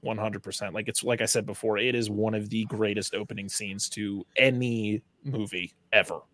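A man's voice: fairly low pitch, fairly even intonation, moderate pace, a bit bright, no room sound. A man on a podcast as a guest, chatting eagerly about horror films and restarting his sentences often. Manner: enthusiastic, rambling with restarts. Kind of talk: casual film discussion.

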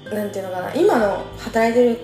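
Brisk and warm, a twenty-something woman with a fairly high pitch and lively intonation chats informally through a personal story, frequently laughing. The room echoes, and faint music sits in the background.

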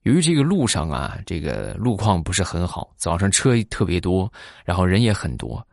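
Low-voiced man telling comic anecdotes. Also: sing-song, vocal fry, dry recording, studio quality. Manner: chatty, drops tag questions and drawn-out particles. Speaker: podcast host.

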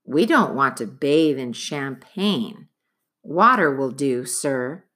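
A woman's voice: rumbling low, expressive, slow pace, fairly bright tone, voice pushed down, exaggerated voice. Woman voicing a formal, dignified butler. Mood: composed. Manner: formal, precise. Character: dignified, composed male butler.

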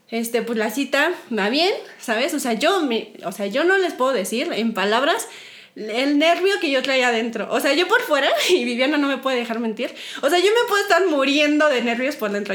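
Young mexican woman, high voice, giggly, acts out her own lines while telling a story. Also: fairly bright tone. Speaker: podcast co-host. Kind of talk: casual storytelling chat.

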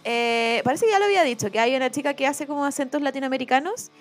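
A woman's voice: high voice, quick pace, faint music behind. A young woman with a Chilean accent co-hosting a podcast in slangy casual talk. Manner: slangy, chatty. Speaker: podcast co-host. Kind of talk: casual chat.

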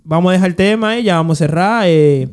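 High-voiced Dominican man, slangy podcast host. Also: fast talker, clear, resonant tone. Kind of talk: casual podcast chat.

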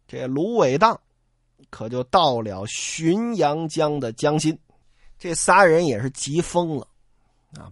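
A man's voice: high voice, a bit bright, dry recording, clean studio sound. A man narrating a classic tale in a traditional storytelling style, colloquial and vivid.

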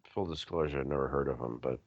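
A middle-aged man co-hosting a sports radio chat, hoarse from being sick, rambling and joking. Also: extremely low pitch, fast. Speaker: co-host. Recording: muffled lo-fi audio.

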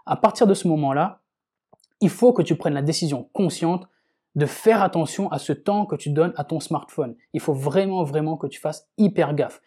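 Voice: mid-range voice, normal speed, warm tone, husky. A podcast host giving an informal self-help talk, speaking straight to the listener and repeating words for emphasis.

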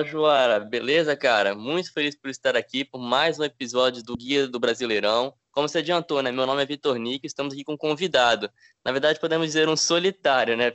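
A man's voice: a little high, a bit bright, smooth, no room sound. A man with a Brazilian Portuguese accent co-hosting a football podcast, introducing and asking questions casually. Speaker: podcast co-host.

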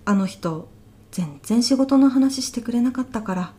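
A woman plays an elderly widow in an audio comedy sketch, soft-spoken and polite, reacting in a deadpan, bewildered way with a wistful mood. Her voice is a little high with a breathy edge, at normal speed.

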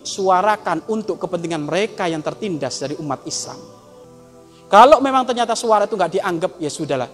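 A man preaching a sermon, moving between loud emphatic urging and soft, tearful appeals. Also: sits high. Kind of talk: sermon to a congregation. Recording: long hall reverb, faint music behind.

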